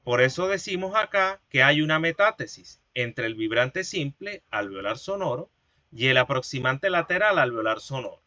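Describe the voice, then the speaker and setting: A man teaching an online linguistics class, explaining slowly and patiently, repeating key terms and asking rhetorical questions. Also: medium pitch, very animated, pushed and bright, no echo.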